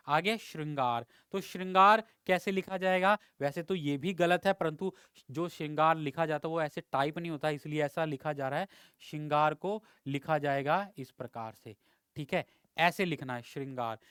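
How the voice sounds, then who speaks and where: Patient male teacher, crisp and dry. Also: fairly high pitch, a bit bright, no room sound. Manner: patient, repeats each word and checks with "theek hai". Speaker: exam prep teacher. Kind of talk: spelling lesson over slides.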